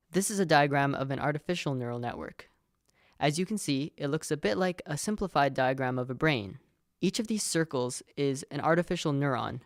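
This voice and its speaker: A young man from Canada giving a steady, scripted narration that explains code as a student presenter. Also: on the high side, dry recording, clean studio sound. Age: young adult.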